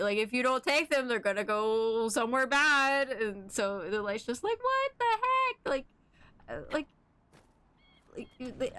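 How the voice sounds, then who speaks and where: A young woman streaming a game, chatting casually, giggling, swearing a lot and getting excitable. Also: on the high side, no room sound. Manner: giggly, excitable and profane, with frequent filler words. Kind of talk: casual gameplay commentary.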